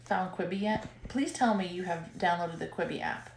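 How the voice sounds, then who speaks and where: A woman's voice: lowish voice, normal speed, vocal fry, noisy background. A woman in her thirties co-hosting a casual live stream, chatty and bubbly, laughing often. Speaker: co-host of a live stream, chiropractor. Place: home room, at night. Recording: echoey room.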